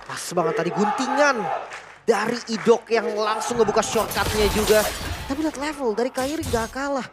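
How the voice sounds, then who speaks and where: A man's voice: high voice, normal speed. A man with an Indonesian accent giving live commentary on an esports match. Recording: music behind the voice. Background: background music.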